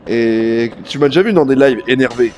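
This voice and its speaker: A man's voice: medium pitch, moderate pace, slight background noise. A man streaming a video game live, chatting straight to his viewers with casual swearing. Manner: animated, talks straight to chat, swears casually. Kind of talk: live gameplay commentary.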